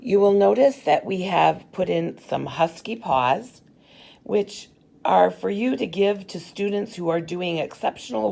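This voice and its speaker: A middle-aged woman teacher giving a slow, careful briefing to parent volunteers, pausing often as she explains. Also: deep voice, gravelly, darkish tone. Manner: slow, careful and instructive, with frequent pauses.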